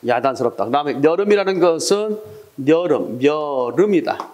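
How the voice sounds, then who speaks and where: A man's voice: fairly high pitch, animated, normal speed, a little mellow, muffled recording. Man drilling students in a lecture. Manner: drills students with repeated questions and call-and-response prompts. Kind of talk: exam-prep lecture.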